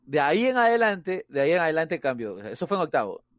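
A man tells a story among friends in casual chat. His voice sits a little high, and the sound is dry and close. He keeps repeating words to hold the floor and laughs between phrases. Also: big pitch swings, quick pace, no room sound.

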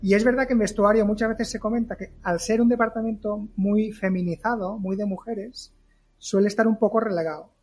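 High-voiced man explaining casually. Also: fairly even intonation, fairly quick, darkish tone, a little hiss or hum, low-quality recording. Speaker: podcast guest, film costume maker. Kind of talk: casual interview chat.

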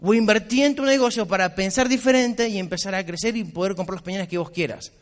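A man's voice: high-pitched, quick pace. A middle-aged man with a Rioplatense Argentine accent giving an emphatic, insistent motivational business talk in a large convention hall. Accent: Rioplatense Argentine Spanish. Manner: emphatic, insistent, repeats points. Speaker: motivational speaker.

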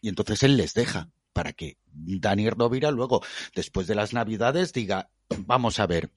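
A man with a low, husky voice chats playfully and with energy about a film. The recording is close and dry, with no room sound. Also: moderate pace, no echo. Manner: playful, lively, acts out quotes. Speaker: film commentator. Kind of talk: casual film discussion.

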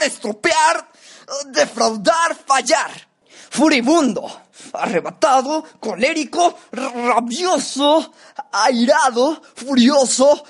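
A radio announcing student from Mexico reads lists of synonyms aloud, slowly and deliberately, changing her tone with each word. Her voice is high and slightly rough.

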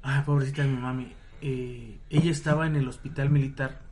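A man with a Mexican accent telling a story in casual chat, relaxed and slangy, acting out quoted dialogue. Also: mid-range voice, brisk.

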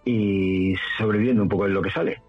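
A middle-aged man from Madrid, Spain, speaking with a central Spanish accent, chats casually about his life as an interview guest who lives in the rural mountains. His voice is fairly low and fairly even, brisk with a breathy edge and no echo. The lo-fi audio sounds dull, with faint music underneath.

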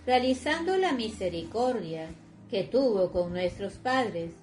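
Slow-speaking woman reciting morning prayer. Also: medium pitch, lively intonation, slight background noise. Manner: solemn, measured recitation. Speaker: prayer co-leader giving responses. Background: soft music.

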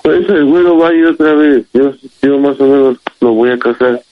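A man's voice: medium pitch, moderate pace, no echo. Mexican man on a phone line. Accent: Mexican Spanish. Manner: calm at first, then swearing and threatening. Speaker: prank call victim.

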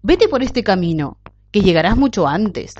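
Woman putting on a sly tricky wolf, coaxing, drawn-out words, storybook tale, muffled lo-fi sound. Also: medium pitch, sing-song, a little mellow, slight background noise, close to an everyday voice. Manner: coaxing, crafty. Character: sly scheming male wolf. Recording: dull lo-fi recording.

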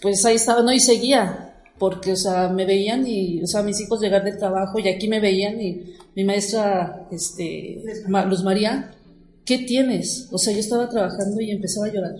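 A woman's voice: mid-range voice, steady tone, fairly quick, a little mellow. A middle-aged woman, telling a personal story in an emotional, rambling way with many fillers. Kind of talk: casual storytelling. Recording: echoey room.

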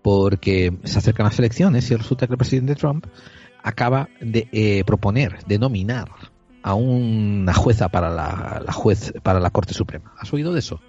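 A man co-hosting a casual Spanish podcast chat, telling stories in a lively way and laughing often. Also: on the low side, normal speed, slightly rough. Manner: animated storyteller, laughs often. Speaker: podcast co-host. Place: abroad, at a Galician club in Astoria. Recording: dull lo-fi audio with faint music.

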